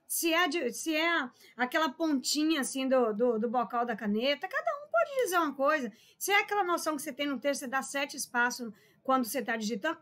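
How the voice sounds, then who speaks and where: Woman, 40s, high voice, teacher, online lesson, chatty, emphatic, scolding. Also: a bit bright. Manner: chatty, scolding, emphatic, calls viewers "povo lindo".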